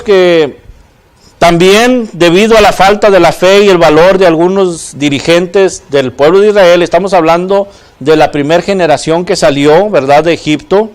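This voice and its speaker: Man, high voice, church sermon, questioning the congregation. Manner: asks the congregation questions, repeats "¿verdad?". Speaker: preacher.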